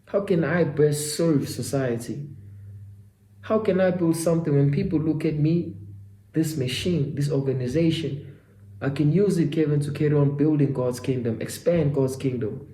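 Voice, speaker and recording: This twenty-something self-development vlogger speaks at normal speed in a warm voice that sits on the high side, giving a faith-driven motivational monologue. His style is preachy and repetitive, with frequent use of "my guy" for himself and the listener. The audio is poor and sounds roomy.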